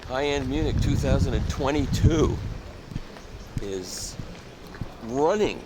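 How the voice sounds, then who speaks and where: A man's voice: medium pitch, sing-song, slow pace. A man chatting casually as host of a trade show vlog, his voice muffled by a face mask. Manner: joking, conversational. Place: busy trade show and street outside. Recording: loud music, outdoor traffic noise.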